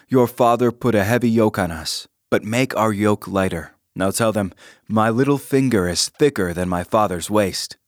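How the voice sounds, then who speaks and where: A man giving a calm, measured scripted reading of scripture and a short devotional with prayer. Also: lowish voice, dry recording, clean studio sound. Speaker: devotional reader.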